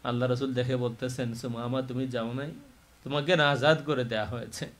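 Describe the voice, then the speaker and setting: A man preaching a sermon in a mosque. He is impassioned, rising to loud, high cries and then dropping low to tell a story. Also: fairly even intonation, brisk. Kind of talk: Bengali waz sermon.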